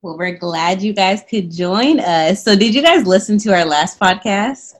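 A woman's voice: medium pitch, a little slow. A young woman co-hosting a podcast, chatting in an upbeat, informal way. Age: young adult. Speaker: podcast co-host. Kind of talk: casual chat.

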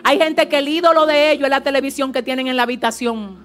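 High-voiced woman pastor preaching fervently. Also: quick pace, faint music behind. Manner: fervent, animated preaching with asides to the congregation. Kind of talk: sermon. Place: church service.

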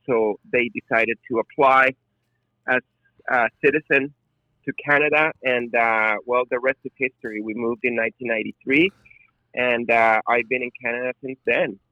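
A Colombian man in his forties, with a medium-pitched, fairly even voice at normal speed, chats amiably as a podcast guest in casual interview talk. He leans on stock phrases like "of course." The sound is dull and lo-fi, with no echo.

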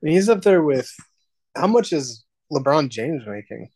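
A man's voice: on the high side, big pitch swings, unhurried, a little mellow, no room sound. A young man co-hosting a casual podcast chat, asking questions and laughing easily. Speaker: podcast co-host.

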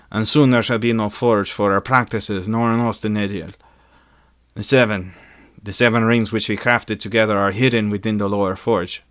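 A man's voice: on the low side, fairly bright tone, no room sound, studio quality, pitched above the performer's own voice, natural voice. A man voicing a desperate male elf smith lord who pleads urgently in a storybook audio drama.

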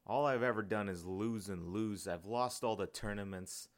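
A man voicing a grieving, despairing young man who speaks in a halting, upset way. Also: fairly low pitch, close to an everyday voice.

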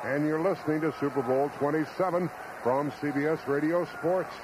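A man's voice: fairly high pitch, fairly even intonation, brisk. An American man doing live football play-by-play in a classic radio announcer manner, in terse descriptive phrases. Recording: noisy stadium radio broadcast. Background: loud stadium ambience and noise.

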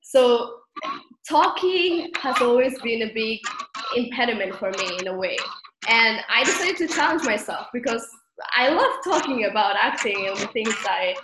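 In an echoey space with background noise, a Spanish-accented woman from Spain gives a conversational interview as a guest. Her voice is a little high and her pace moderate, and she stays animated, laughing often mid-sentence.

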